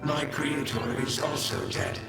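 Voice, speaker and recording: Fuzz-distorted military robot. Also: male voice, fairly high pitch, measured pace, creaky. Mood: flat. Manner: clipped, flat robotic delivery. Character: male military defense robot, flat and dutiful. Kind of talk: video game voice acting. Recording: echoey game audio over loud music. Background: loud game music.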